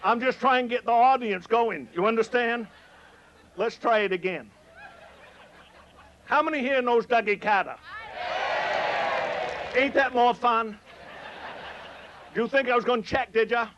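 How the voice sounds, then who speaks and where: Man, Maine accent, high-pitched voice, folksy comic storytelling, rustic dialect, slightly dull live recording. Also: measured pace, pauses often, a bit bright, a little hiss or hum. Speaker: humorist telling stories on stage. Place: on stage before an audience.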